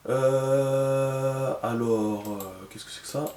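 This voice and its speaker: A man's voice: medium pitch, fairly even intonation, slow, darkish tone, slight background noise. A man teaching a lesson, patient and checking often that the viewer follows. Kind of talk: instructional video lesson. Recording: echoey room.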